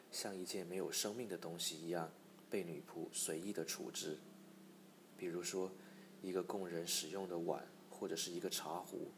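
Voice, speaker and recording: Man, audiobook narration, deep voice, measured storytelling. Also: a bit bright, a little hiss or hum.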